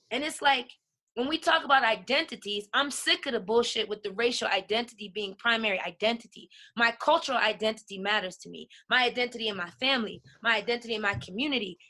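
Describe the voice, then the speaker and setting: This podcast guest is a woman whose voice is slightly high and sharp-toned. Her talk is passionate and emphatic, punctuated again and again by "right?"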